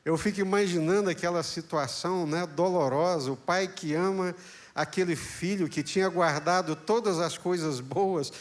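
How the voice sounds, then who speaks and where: A man's voice: high voice, moderate pace. A man with a Brazilian Portuguese accent, a pastor preaching a sermon in a dramatic, emphatic way. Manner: dramatic, emphatic, lets his voice rise and fall.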